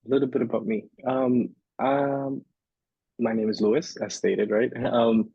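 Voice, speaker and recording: A man's voice: mid-range voice, unhurried, gravelly, warm tone, breathy edge, no echo. A man from the Dominican Republic, a guest on a podcast, talking casually and reflectively with many fillers. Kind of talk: casual interview talk. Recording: dry, dull lo-fi sound.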